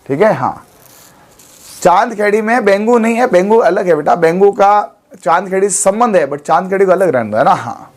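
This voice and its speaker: A man teaching an exam-prep class, hoarse from a sore throat, quizzing students and repeating memory tricks. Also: high voice, expressive, moderate pace. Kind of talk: animated online exam lesson.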